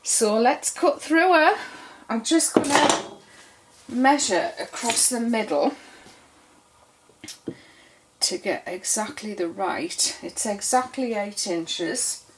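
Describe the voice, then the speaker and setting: A woman's voice: a little high, lively intonation, takes it slowly, pauses often, a little hiss or hum. A woman teaching soap making, talking casually through each step and thinking aloud as she works. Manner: chatty, thinks aloud while working.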